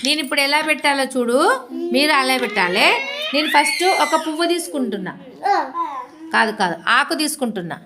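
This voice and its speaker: A woman preschool teacher leading a simple lesson, speaking slowly and repeating questions to prompt the children. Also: high voice, expressive, a loud crowd. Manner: slow and repetitive, prompting the class with questions. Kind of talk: classroom lesson for small children. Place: preschool classroom full of children. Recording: noisy classroom with children.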